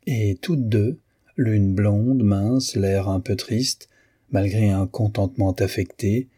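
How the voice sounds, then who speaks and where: A man reading a novel aloud as narrator, measured and expressive. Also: lowish voice, breathy edge.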